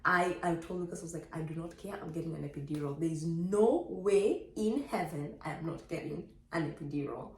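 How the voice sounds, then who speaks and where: A woman's voice: fairly quick, few pauses. A young woman animatedly telling her birth story to the camera, acting out quoted dialogue. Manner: lively, acts out quoted dialogue with big pitch jumps. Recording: echoey room.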